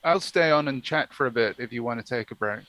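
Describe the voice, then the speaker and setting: A man with an ordinary, mid-pitched voice chats on a live stream. He talks loosely and thinks aloud as he searches for things. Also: fast talker, fairly bright tone, dry recording. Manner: chatty, searching aloud while talking. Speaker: streamer co-host. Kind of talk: casual chat on a live stream.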